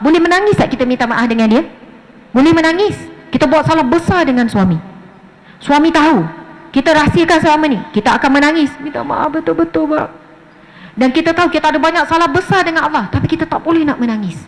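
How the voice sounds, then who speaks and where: Malaysian woman preaching, high voice, lively, acts out scenes, mosque lecture. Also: rough recording. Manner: lively, acts out little scenes in her speech. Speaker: religious teacher. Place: mosque prayer hall.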